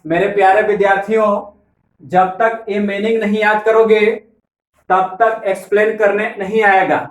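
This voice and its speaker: A man gives an online class, going through vocabulary one word at a time and repeating each meaning so students can note it down. His voice sits high for a man. The room around him is echoey. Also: flat delivery. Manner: explains slowly, repeats key words and meanings. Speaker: English teacher.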